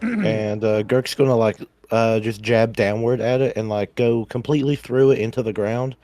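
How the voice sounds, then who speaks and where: A young man playing a tabletop game, talking in a laid-back, deliberate way. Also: mid-range voice, fairly even intonation, dark tone. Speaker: player.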